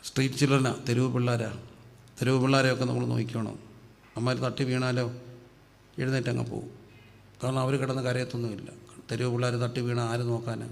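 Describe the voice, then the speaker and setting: Gravelly preacher asking and answering himself. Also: male voice, medium pitch, level tone, quick pace, pauses often. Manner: asks questions and answers them himself, dropping his voice on the answer. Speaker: pastor. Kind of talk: sermon. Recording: hall reverb with faint background noise.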